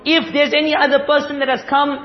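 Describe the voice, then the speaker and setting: A man's voice: very high-pitched, level tone, fairly quick. A man preaching a sermon, earnest and emphatic, repeating his points and quoting Arabic. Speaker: Islamic preacher. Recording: echoey hall, dull lo-fi sound, faint hiss.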